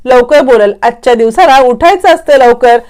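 A stern old grandfather scolds the household about its customs, voiced by a woman narrator. The voice sits high and smooth, the tone lecturing and firm. It is a light, storytelling take on the character, not a full performance. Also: moderate pace, darkish tone, natural voice. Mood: scolding.

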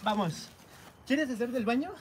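A man's voice: extremely high pitch, normal speed. A father, hosting a casual family livestream, playful and teasing with his kids. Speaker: father and vlog host. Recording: echoey room with clear noise.

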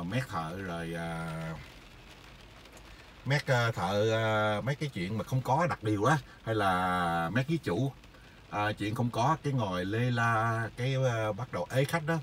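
A middle-aged man, telling stories in a casual, rambling monologue full of hesitant filler pauses. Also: fairly low pitch, slight background noise. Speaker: vlogger sharing stories.

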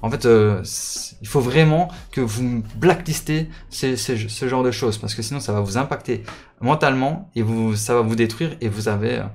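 A man's voice: mid-range voice, darkish tone. A man, a gaming YouTuber chatting casually with his viewers in a hesitant way, full of fillers and repeated words.

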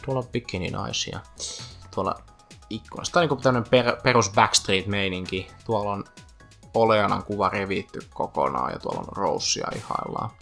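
Finnish guy narrating his game playthrough, chatty trivia, low-ish gravelly voice. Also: fairly bright tone. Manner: chatty, explains name origins and trivia. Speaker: gaming commentator. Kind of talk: let's play commentary. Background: faint game music.

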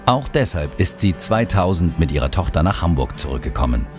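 Deep-voiced male documentary narrator. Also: very animated, fairly quick, over music. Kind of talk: scripted narration. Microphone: studio voice-over.

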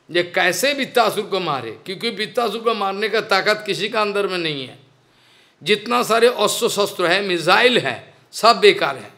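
A man's voice: high voice, pushed and bright. A man giving a devotional lecture, telling a story and explaining it step by step, repeating his phrases and slipping in English words. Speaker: spiritual teacher.

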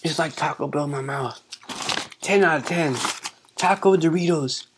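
A woman reviewing snacks in a casual vlog, talking quietly while chewing with her mouth full. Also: low-pitched, moderate pace, background noise. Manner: quiet, half-whispered rating of snacks. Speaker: snack taster.

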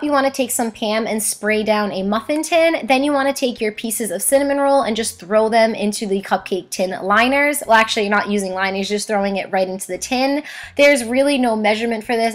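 A woman hosting a casual cooking vlog, chatting upbeat through step-by-step recipe instructions. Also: fairly high pitch. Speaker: recipe-testing vlogger. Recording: roomy echo with faint background music.

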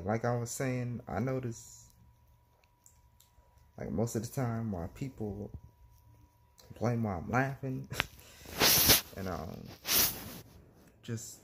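A man's voice: on the low side, slight background noise. A man talking to the camera in a casual, rambling vlog, hesitant and giggly, with many restarts, recorded on a phone. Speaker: vlogger.

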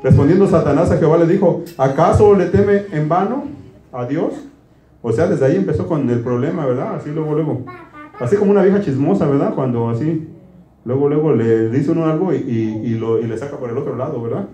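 A pastor delivers a chatty, folksy sermon and keeps quizzing his listeners. His voice sits a little high yet sounds mellow and warm. The room around him is echoey. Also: quick pace. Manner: folksy, quizzes the congregation with questions. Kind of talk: conversational sermon.

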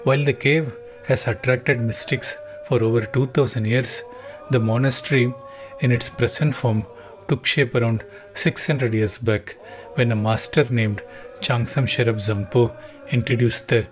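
A man narrating a travel documentary in a calm, even, scripted voice-over. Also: mid-range voice, a little slow. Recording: voice-over with music underneath.

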